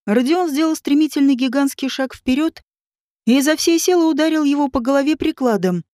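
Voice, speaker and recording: A woman reads a novel aloud in a steady, even way. Her voice is fairly high but mellow and dark, recorded dry and close. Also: a little fast, no echo. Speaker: audiobook narrator. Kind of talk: scripted narration.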